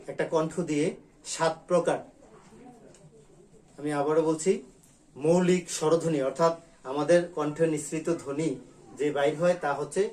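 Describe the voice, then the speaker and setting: A male school teacher from Bangladesh giving an online grammar class, repeating key sounds slowly and drilling them. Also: on the high side, a little mellow.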